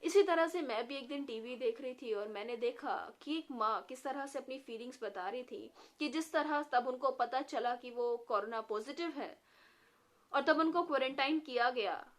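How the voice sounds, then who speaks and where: A woman's voice: high voice, moderate pace. A young woman telling a heartfelt story and message, earnest, mixing in English phrases.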